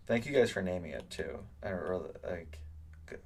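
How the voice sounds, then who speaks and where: A man's voice: low voice, gravelly. A young man teaching art, chatting loosely while he draws and answers live chat comments. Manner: rambling, with many fillers, reads out chat comments. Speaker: art teacher hosting a live drawing stream. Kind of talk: casual live-stream chat while drawing.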